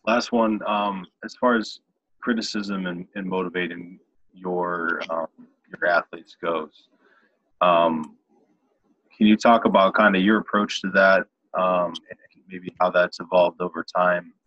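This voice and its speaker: Deep flat-voiced hesitant male host. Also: a little slow, no echo. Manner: hesitant, many fillers. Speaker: podcast host. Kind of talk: interview questions. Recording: dull dry sound.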